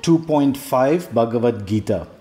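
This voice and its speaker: A man's voice: medium pitch, animated, a little slow, mellow. Man giving an echoey devotional lecture. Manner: explanatory, asks rhetorical questions, checks in with "hmm?". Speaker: scripture teacher. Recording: echoey room.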